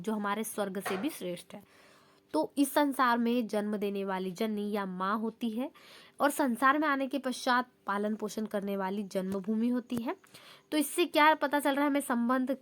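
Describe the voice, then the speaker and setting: A young woman with a fairly high voice works through exam questions one by one like a patient teacher. She reads the sample sentences aloud, then explains them in a steady, explanatory tone.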